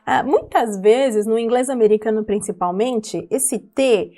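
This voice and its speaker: A woman teaches English pronunciation, walking through song lyrics line by line. She is patient and repetitive, slowing down to spell out words and checking in with her listeners. Her tone is that of a friendly online teacher. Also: on the high side, mellow.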